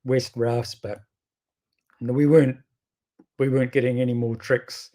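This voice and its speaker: A man's voice: medium pitch, little pitch movement, unhurried, warm tone. A man with a strong New Zealand accent gives casual game commentary, thinking aloud in an informal, rambling way and often correcting himself. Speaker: bridge player presenting his own videos.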